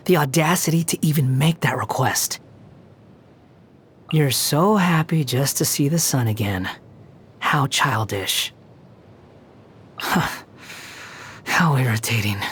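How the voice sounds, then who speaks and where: A young man voicing an aloof, sardonic puppet wanderer in a video game, with a condescending, sharp-tongued, theatrical delivery. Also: fairly high pitch, husky. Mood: mocking, amused. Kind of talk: video game character voice lines.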